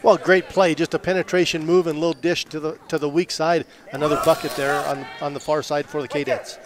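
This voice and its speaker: A man's voice: on the high side, flat delivery, a little fast, noisy background. A man giving color commentary on a girls basketball game, breaking down each play and praising the team's hustle. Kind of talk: sports commentary. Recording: loud gym crowd behind.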